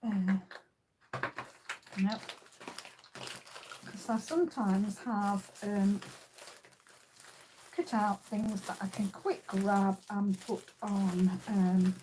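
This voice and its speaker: Slow, mellow-voiced woman crafting. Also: mid-range voice, steady tone, slight background noise. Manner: thinking aloud while working, many ums and uhs. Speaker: craft tutorial host. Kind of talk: casual crafting demonstration.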